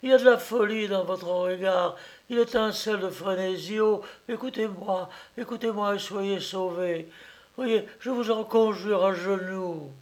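A distressed middle-aged aunt who reproaches and begs in turn, as a male reader puts her on. The voice sits well above his own and is delivered slowly and dramatically. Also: high voice, fairly even intonation, darkish tone, pitched above the performer's own voice. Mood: imploring. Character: anxious pleading aunt, woman, middle-aged. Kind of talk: audiobook reading.

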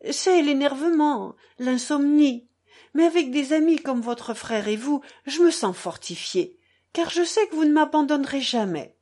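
A woman's voice: high-pitched, expressive, a little mellow, pitched above the performer's own voice. A woman reading aloud, voicing an emotional, fervent young society woman in a pleading manner. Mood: tearful. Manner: emotional, pleading, quick shifts.

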